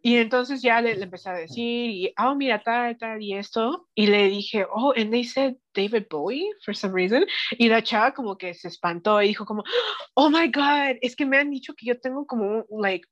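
A woman's voice: fairly high pitch, moderate pace, dull audio. A woman with a Mexican Spanish accent, a psychic guest telling anecdotes in casual chat, often slipping English phrases into her Spanish and acting out quotes. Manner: mixes English phrases into Spanish, animated quoting.

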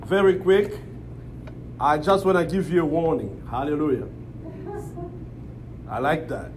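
A man's voice: a little high, expressive, unhurried. A man from Congo with a Congolese accent, speaking English as a second language, preaching as a visiting pastor and calling for amens. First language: not English. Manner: repeats phrases, calls for amens. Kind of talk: church preaching and prayer with call-and-response. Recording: noisy live church room.

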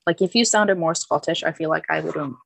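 Young woman with a gravelly, creaky voice. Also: deep voice, fairly quick, fairly bright tone, no room sound. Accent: American-tinged English. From Luxembourg. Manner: chatty, laughing, heavy use of "like". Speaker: podcast guest. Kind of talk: casual chat.

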